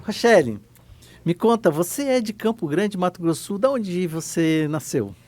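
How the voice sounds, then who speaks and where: A man's voice: high voice, expressive, normal speed. A man hosting a podcast interview, giving an upbeat introduction and then short, friendly questions and replies. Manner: warm introductions, brief affirmations. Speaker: podcast host, journalist.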